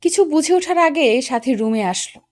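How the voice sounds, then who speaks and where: A woman's voice: high-pitched, lively intonation, normal speed, darkish tone, no echo. A woman narrating and playing a young wife who tells the story in first person, earnest and questioning, for a Bengali audio story. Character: young wife, hurt and puzzled.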